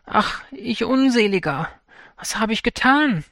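A man's voice: sits high, expressive, measured pace, a bit bright, dry recording, clean studio sound, pitched above the performer's own voice, exaggerated voice. A man doing a plaintive young fisherman. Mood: lamenting. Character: poor young fisherman, humble and emotional.

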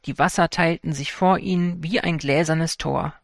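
A man narrating a fairy tale for an audiobook in a calm, measured storytelling manner. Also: on the high side, creaky, no room sound, studio quality.

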